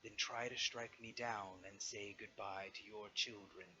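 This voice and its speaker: A man voicing an aging, menacing dragon in a tabletop game, with a slow, grave dragon voice. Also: fairly low pitch, steady tone, pushed and bright, highs cut off, slight background noise. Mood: weary menace. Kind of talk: tabletop game role-play.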